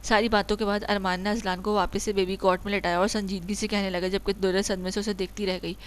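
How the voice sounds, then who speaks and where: A woman reads a romance novel aloud at a steady pace and now and then fixes a slip as she goes. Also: mid-range voice, a little hiss or hum. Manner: steady reading with small slips and self-corrections. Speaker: audiobook narrator.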